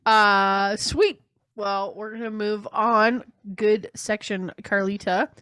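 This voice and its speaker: A woman's voice: medium pitch, steady tone, takes it slowly, a bit bright, clear, resonant tone, no room sound, clean studio sound. A woman co-hosting a podcast, joking around in casual chat, swearing and laughing often. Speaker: podcast co-host.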